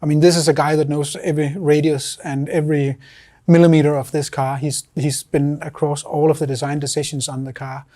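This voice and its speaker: A man's voice: fairly high pitch, little pitch movement, a little fast, warm tone. A man in an interview clip, a toy designer explaining fluently and appreciatively.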